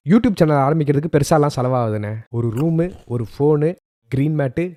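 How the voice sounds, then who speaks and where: A man's voice: fairly high pitch, brisk, warm tone, no echo, studio quality, close to an everyday voice. A man playing a young, wheedling schemer in a comedy sketch. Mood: persuasive. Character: scheming young slacker pitching get-rich plans.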